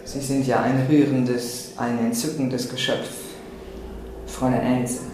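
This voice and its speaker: A woman reading the part of a condescending older gentleman, speaking slowly and patronisingly in a literary reading. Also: rumbling low, flat delivery, background noise, pitched below the performer's own voice. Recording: very echoey room, faint ambience.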